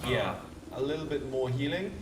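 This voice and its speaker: A man's voice: mid-range voice, moderate pace, heavy background noise. A man hosting a let's play with casual commentary, thinking aloud and talking to the game's characters. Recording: roomy distant voice under loud game music.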